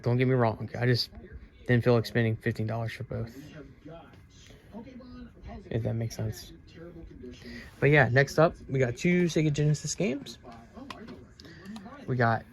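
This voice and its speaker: Guy showing his game haul, stuffy from allergies, trips over words a lot, middle pitch. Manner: rambling, stumbles over words and restarts. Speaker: game collecting channel host. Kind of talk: casual haul video, reading game back covers aloud.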